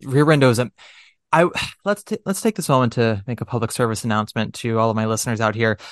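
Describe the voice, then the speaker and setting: A man hosting a casual podcast interview, talking in an animated, emphatic, jokey way. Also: medium pitch, fast talker, no room sound. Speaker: podcast host.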